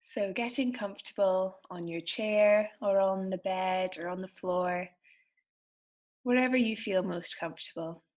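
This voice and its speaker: This medium-pitched female voice belongs to a meditation guide. Gentle and calming, she gives quiet directions in brief, leisurely phrases with gaps left in between.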